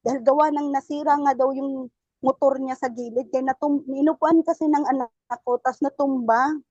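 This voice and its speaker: A woman gives a personal testimony at church in a high voice, talking to the pastor with halting phrasing and frequent restarts. Her tone stays respectful throughout. The sound is dull and lo-fi, with no room echo. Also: steady tone, mellow. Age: adult parent. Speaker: church member giving testimony.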